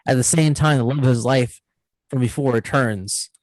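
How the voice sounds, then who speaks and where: A man's voice: medium pitch, moderate pace, low-quality recording. A man hosting a casual chat about movies, rambling and correcting himself as he goes. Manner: rambling, self-correcting, animated. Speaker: channel host.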